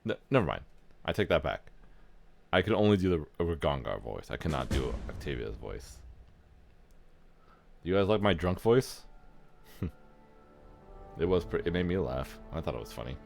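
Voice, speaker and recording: A man's voice: very deep voice, big pitch swings, fairly quick, gravelly, long pauses. A man streaming a fantasy game, reading dialogue aloud and muttering casual asides. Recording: soft background music.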